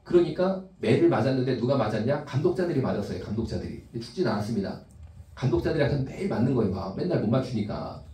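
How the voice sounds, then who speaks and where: A man's voice: mid-range voice, animated, quick pace, mellow, distant mic. Man preaching in an echoey church. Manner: conversational preaching, asks the congregation questions. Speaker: pastor. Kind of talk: sermon. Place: church sanctuary.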